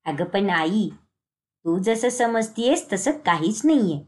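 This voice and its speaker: A woman's voice: mid-range voice, animated, slow pace, a little mellow, pitched below the performer's own voice. A woman voicing a sly, sulky teenage girl. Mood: defensive pleading. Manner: defensive, pleading.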